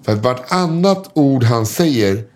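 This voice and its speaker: Rambling podcast host. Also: male voice, medium pitch, animated, a little mellow. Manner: rambling, lots of hesitation fillers and restarts. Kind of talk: casual storytelling chat.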